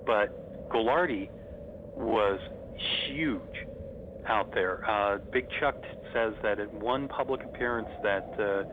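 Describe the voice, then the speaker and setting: A man's voice: fairly low pitch, slow, phone-quality sound. Middle aged guy in an interview telling stories like a big fan, thin phone sound, pretty noisy. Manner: enthusiastic fan's reminiscing. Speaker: interview guest, horror host. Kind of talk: casual interview storytelling.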